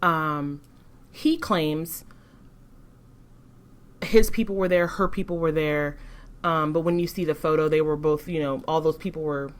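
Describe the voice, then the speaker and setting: Low-voiced woman co-hosting a podcast. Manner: measured, critical, frequent restarts. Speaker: podcast co-host. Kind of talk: casual discussion.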